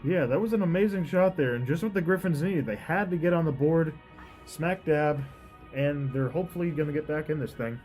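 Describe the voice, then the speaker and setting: A man's voice: a little high, a little fast, a little mellow, soft background music, rough recording. A man giving live color commentary on a lacrosse game in a plain, conversational way between plays.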